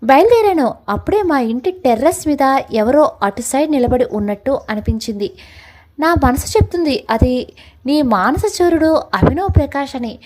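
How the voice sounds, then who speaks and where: A young woman with a high voice narrates a love story in the first person. Her reading is emotional and dramatic. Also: lively intonation, moderate pace, a little mellow, rough recording.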